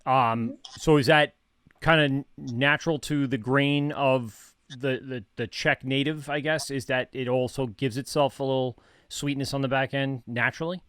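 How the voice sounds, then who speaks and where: A man's voice: medium pitch, steady tone, moderate pace, a bit bright, clean tone, no room sound, studio quality. Laid-back man with a New York accent. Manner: laughing, rambling, restarts often. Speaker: podcast host. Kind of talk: casual chat.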